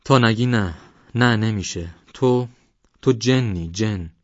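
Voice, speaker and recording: A man's voice: sits low, fairly even intonation, no echo, close to an everyday voice. A man voicing a frightened old wandering dervish, pleading in a raised, fearful voice. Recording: dry, slightly dull recording.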